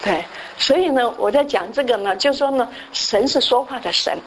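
A woman gives a sermon as a long told story. Her voice sits a little high, and she keeps dropping English words into her speech. A faint noise runs under the recording. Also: moderate pace, poor audio. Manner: frequent "好" fillers and restarts. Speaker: church speaker.

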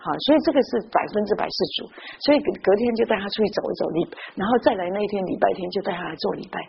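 A woman preaching a sermon, telling personal stories in a lively way full of interjections. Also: medium pitch, rapid-fire, vocal fry. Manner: lively storytelling with frequent interjections. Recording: muffled lo-fi recording with faint noise.

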